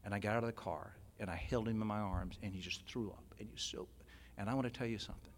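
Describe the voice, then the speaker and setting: A man at a podium, giving a personal recovery talk to a workshop audience and telling his story with emphatic swings from loud outbursts to quiet intensity. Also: lowish voice, fast talker, slight background noise. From California. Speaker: 12-step workshop speaker. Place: convention hall.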